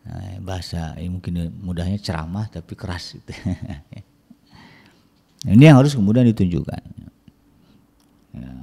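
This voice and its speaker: A man's voice: low-pitched, unhurried, vocal fry, long pauses, warm tone, slightly rough. A middle-aged man giving a religious lecture on parenting, conversational, with frequent tag words, acting out scolding parents. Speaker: Islamic teacher.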